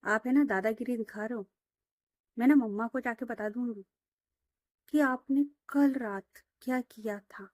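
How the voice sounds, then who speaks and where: Brief: a woman voicing a cheeky young woman, bratty and wheedling, pitched up and lively. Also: unhurried, dry recording, studio quality, natural voice.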